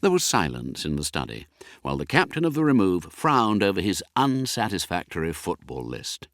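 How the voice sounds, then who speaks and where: A man reads a school story aloud with great animation, his pitch ranging widely. The recording is dry and close, with no room sound. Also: normal speed, no echo. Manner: lively, characterful reading. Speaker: audiobook narrator. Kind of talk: scripted narration.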